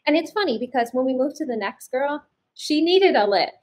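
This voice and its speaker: A woman's voice: sits high, expressive, fairly quick, darkish tone, low-quality recording. A woman hosting a casual fashion color chat, upbeat and explaining things to viewers. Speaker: color analyst host.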